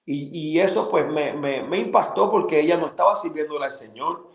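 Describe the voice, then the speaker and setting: Earnest man giving a halting testimony. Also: on the high side, reverberant, rough recording. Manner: halting, full of fillers and repeated words, earnest. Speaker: guest sharing a personal testimony.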